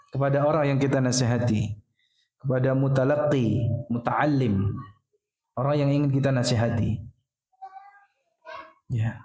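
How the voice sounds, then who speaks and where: A man's voice: mid-range voice, mellow. A man preaching at a mosque study session, who poses questions and answers them himself, with frequent "ya". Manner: explains by asking and answering his own questions, frequent "ya". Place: mosque hall. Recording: echoey mosque hall.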